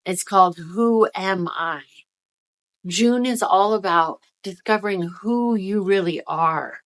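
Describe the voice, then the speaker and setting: A woman's voice: mid-range voice, fairly bright tone. A woman giving a casual, encouraging, emphatic motivational talk to viewers, speaking out of the side of a mouth numb from the dentist. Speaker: spiritual energy-reading video host.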